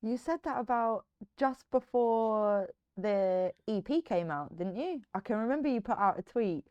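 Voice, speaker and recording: A woman's voice: a little high, lively intonation, measured pace, clean tone, no room sound, dull audio. A British woman hosting an interview, teasing her guest playfully and swearing casually. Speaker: interviewer, podcast host.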